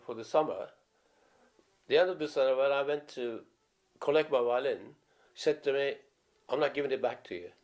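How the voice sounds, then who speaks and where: A man's voice: mid-range voice, creaky. A man in his seventies from Turkey, speaking English with a Turkish accent, telling rambling stories about his life as a viola player, with many fillers and restarts. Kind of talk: reminiscing in a documentary interview.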